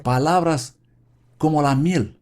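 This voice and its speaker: A man's voice: fairly high pitch, slow pace, a little mellow. A man preaching a sermon, fervently exhorting his listeners and calling them friends.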